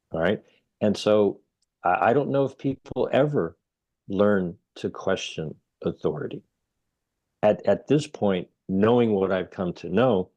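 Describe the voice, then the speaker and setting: A middle-aged man from Ohio, a guest researcher telling stories in a casual interview, animated and emphatic. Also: creaky. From Ohio, United States. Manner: animated storyteller, rising to emphatic highs. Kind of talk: casual conversation.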